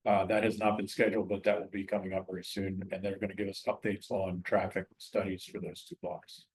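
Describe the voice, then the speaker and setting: Guy with a low flat voice reading out casual meeting updates. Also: a little fast, slightly rough, rough recording. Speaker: meeting speaker giving safety updates. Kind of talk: informal announcements at a community meeting.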